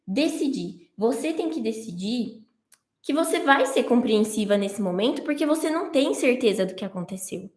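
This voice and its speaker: A woman's voice: a little high, animated, normal speed, a little mellow, echoey room. A woman coaching her listeners through steps one at a time, asking questions and answering them herself with everyday examples. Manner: explains step by step with everyday examples; addresses listeners directly, asks and answers own questions. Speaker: marriage coach. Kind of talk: live-streamed coaching lesson.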